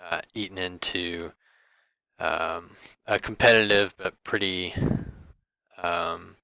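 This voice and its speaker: A young man giving a class presentation over slides, halting and full of fillers and restarts. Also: low voice, sharp tone, smooth, dry recording. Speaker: student presenter.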